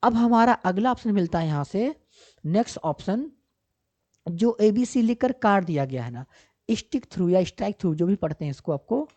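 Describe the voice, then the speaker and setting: This computer teacher's voice is mellow, medium-pitched, and slightly rough as she explains software in a screen-recorded tutorial, repetitively and one step at a time. She answers her own questions and keeps checking in with "ठीक ना," captured in slightly dull lo-fi sound.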